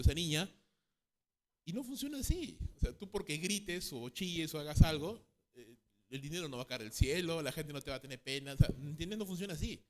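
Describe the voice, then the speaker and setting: A man's voice: a little high, darkish tone. A man teaching a Bible counseling class, tagging sentences with a questioning "no?", repeating key phrases and acting out quoted parents and children. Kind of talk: church class lecture.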